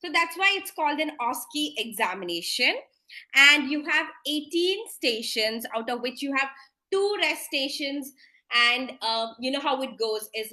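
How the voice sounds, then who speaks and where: Brief: female tutor, higher register, sharp and bright tone, talks through a lesson in a loose, explanatory manner. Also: low-quality recording. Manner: explanatory, with frequent fillers. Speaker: medical exam tutor. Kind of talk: spoken exam lesson.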